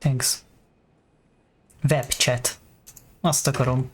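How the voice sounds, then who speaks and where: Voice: mid-range voice, little pitch movement, very slow, slight background noise. A native Hungarian speaker doing casual, playful let's play commentary, reacting freely and swearing while switching between two languages. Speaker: gamer playing and commenting.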